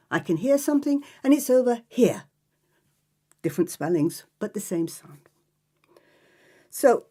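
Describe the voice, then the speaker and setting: Woman, phonics lecture, mellow tone, very lively pitch, drawn-out example sounds. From Ireland. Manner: lively, explains slowly, drawing out example sounds. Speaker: phonics teacher. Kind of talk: lecture to trainee teachers.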